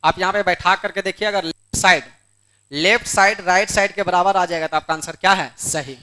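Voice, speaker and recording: Asking questions and answering them himself in a coaxing manner, a male math teacher leads a board exam lesson and scolds students in the room. His voice is high-pitched, pushed, and bright, with fairly even intonation, a fairly quick pace, and a clean tone.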